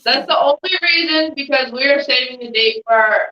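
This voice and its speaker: A woman joining a live stream as a guest over a video call, chatting in a bubbly, excitable way. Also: high voice, fairly quick. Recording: echoey, distant, lo-fi call audio.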